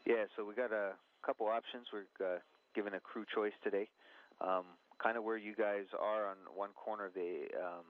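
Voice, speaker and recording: Capsule communicator: a low-voiced man on a tinny radio loop, halting and full of fillers. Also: steady tone, no room sound. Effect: narrow radio link. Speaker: mission control capsule communicator. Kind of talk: radio calls to spacewalkers.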